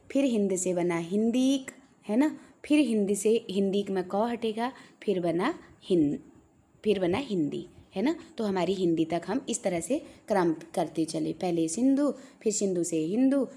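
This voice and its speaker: Female teacher, warm and mellow tone, patient exam-prep lecturer who repeats points and checks understanding. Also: mid-range voice.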